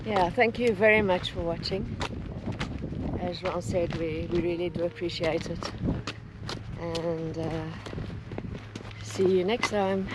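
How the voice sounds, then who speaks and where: A man chatting casually as co-host of a hiking vlog, hesitant and pausing mid-sentence. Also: high voice, fairly even intonation. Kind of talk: casual chat while hiking. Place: outdoors on a walking trail. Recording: very noisy, windy outdoor recording. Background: loud wind and outdoor noise.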